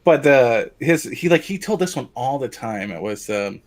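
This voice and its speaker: A man's voice: mid-range voice, lively intonation, normal speed. A man co-hosting a casual podcast chat, swearing freely and retelling jokes. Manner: loose, profane, joking. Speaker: podcast co-host.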